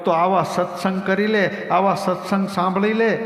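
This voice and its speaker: A man with a Gujarati accent giving a devotional scripture discourse, telling stories in a lively way and acting out the quoted voices. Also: high-pitched, normal speed. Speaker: Bhagavat katha storyteller. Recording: echoey reverberant hall.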